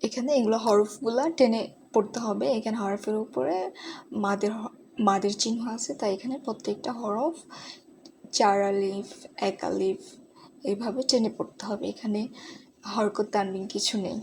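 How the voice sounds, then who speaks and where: A woman's voice: mid-range voice, fairly even intonation, moderate pace, long pauses, a little mellow, slight background noise. A woman teaching Quran reading, spelling out each letter and vowel mark one by one and then joining them into words. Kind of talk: slow spelling-out recitation lesson.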